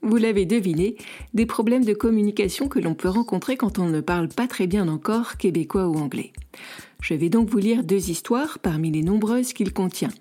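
A woman hosting her own podcast, introducing stories she has written. She speaks in a calm, measured way. Her tone is mellow and darker than most. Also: mid-range voice. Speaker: podcast host and author. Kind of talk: podcast story reading.

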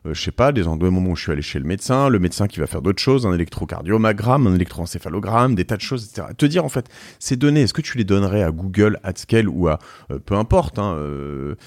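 A man's voice: deep voice, animated, quick pace, darkish tone, no echo, clean studio sound. A man, an interview guest explaining things in an informal, emphatic way. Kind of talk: casual explanatory interview talk.

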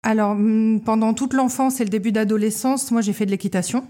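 A woman's voice: fairly high pitch, fairly even intonation, brisk, dark tone. A woman in her thirties from Paris, a guest telling her story in a casual interview, hesitant, with many fillers and restarts, a little tired. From Paris, France. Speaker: guest, love-shop co-owner. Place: small shop.

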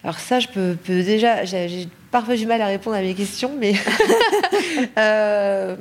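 Her voice is mid-range, expressive and a little slow. She is a middle-aged lighting designer from Paris, France, who fills her podcast interview answers with hesitations and restarts as a guest.

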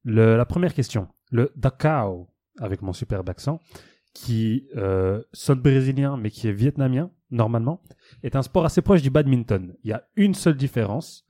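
A man's voice: mid-range voice, animated, normal speed, dark tone, dry recording. A young man co-hosting a casual podcast, joking around as he runs a quiz game and reads out its questions.

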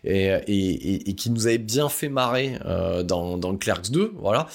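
A man's voice: fairly low pitch, expressive, a little slow, vocal fry. A man hosting a casual film review podcast, rambling with many hesitations and wry asides. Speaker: podcast host.

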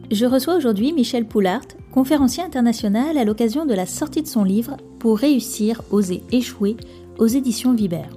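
A woman who is a career coach, hosting her podcast and introducing a guest in a clear, welcoming presenter delivery. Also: on the high side, mellow. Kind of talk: scripted podcast intro and interview.

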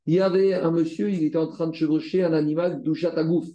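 Man, Talmud study teacher, slightly high voice, mellow tone, repeats phrases, asks rhetorical questions, echoey room. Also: steady tone, fast talker, lo-fi sound. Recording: roomy echo.

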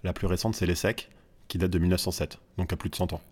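A man in his twenties, a school founder, speaking as a guest in relaxed interview talk with frequent fillers. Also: deep voice, husky. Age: 20s. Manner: fast, measured, many fillers. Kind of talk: casual interview chat.

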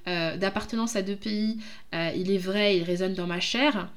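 A French woman hosting her own podcast, speaking in a reflective, hesitant way with many pauses. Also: mid-range voice, steady tone. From France. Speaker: podcast host, jurist. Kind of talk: casual podcast monologue.

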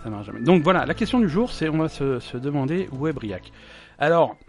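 A man's voice: a little high, sing-song, brisk, soft background music. A man hosting a casual comic podcast, rambling through explanations with many restarts and fillers. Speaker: podcast host.

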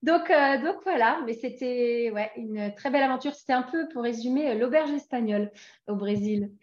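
A woman in her forties from France talks through an interview in a hesitant way, often pausing on fillers and starting over. Her voice sits at a middle pitch. The sound is roomy and a bit dull. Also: darkish tone. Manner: hesitant, many fillers and restarts. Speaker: guest. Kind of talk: casual interview chat.

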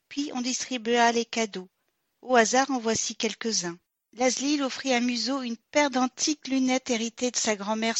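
A woman narrating a novel in a calm, even storytelling manner. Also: on the high side, no echo. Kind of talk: audiobook narration.

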